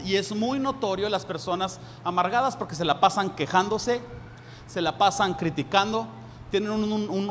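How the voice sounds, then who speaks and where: A man preaching a sermon as a pastor, acting out lively dialogues in a raised voice. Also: high-pitched. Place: church hall. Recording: reverberant hall, faint room noise.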